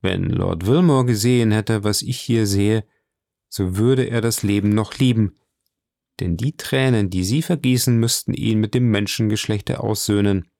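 Audiobook: male reader as a solemn nobleman, low and gravelly. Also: darkish tone, no echo, clean studio sound. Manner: measured and solemn. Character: mysterious noble count, grave and composed.

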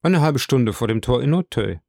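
A man voicing a suave, composed count who speaks with polished, measured courtesy. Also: mid-range voice, expressive, creaky, darkish tone, dry recording, clean studio sound. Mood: courteous.

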